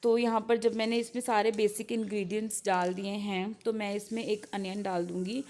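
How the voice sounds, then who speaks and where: A young woman vlogging at home in a relaxed, chatty way, sounding tired. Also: mid-range voice. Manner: soft, slow morning talk to keep others asleep. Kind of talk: casual vlog narration. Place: home kitchen. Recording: home video with noticeable noise.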